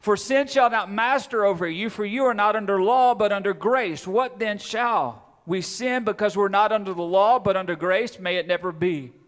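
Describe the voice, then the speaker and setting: A man's voice: high-pitched, normal speed, few pauses, fairly bright tone. A man preaching a sermon to his congregation, asking questions and repeating phrases for emphasis. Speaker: pastor. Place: church hall. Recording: long hall reverb.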